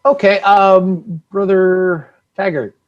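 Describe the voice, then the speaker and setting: A man's voice: high-pitched, fairly even intonation, dull audio. American man as panel moderator, stumbling, restarting questions, video call audio. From United States, Virginia. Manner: halting, self-correcting questions with frequent laughs. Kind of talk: casual moderated panel discussion.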